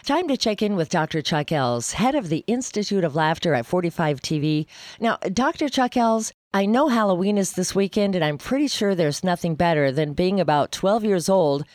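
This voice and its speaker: A woman's voice: lowish voice, lively intonation, moderate pace, darkish tone, no echo, studio quality. A woman hosting a radio show, performing scripted comic banter. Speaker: radio host.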